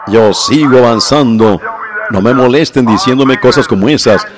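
A man preaching a sermon to a congregation, often asking "¿ven?" and slowing down to stress his points. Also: medium pitch, crowd noise. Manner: keeps asking the audience "¿ven?"; slows down for emphasis.

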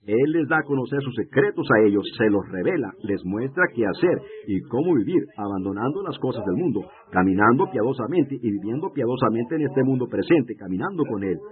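A man's voice: mid-range voice, lively intonation, a little fast, few pauses. Preacher man on a tinny, narrow line. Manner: emphatic, with rhetorical questions to the congregation. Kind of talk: sermon. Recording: tinny lo-fi phone-like sound.

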